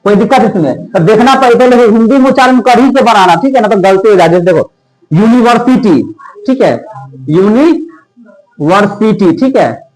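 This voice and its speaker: Man teacher, high voice, drills exam grammar, keeps checking "theek hai" and firing quiz questions. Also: lively intonation, fairly quick, darkish tone, poor audio. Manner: repeats "theek hai" often and quizzes the listener with rhetorical questions. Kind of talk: exam-prep grammar lesson.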